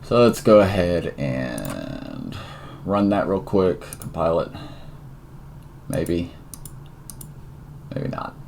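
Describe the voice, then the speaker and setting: A man's voice: deep voice, sing-song, takes it slowly, creaky, long pauses, a little mellow, slight background noise. A tired man thinking aloud with many fillers as he walks through a coding tutorial, a yawn never far off. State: tired and yawning. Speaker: tutorial presenter. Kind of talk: casual screen-recorded coding tutorial.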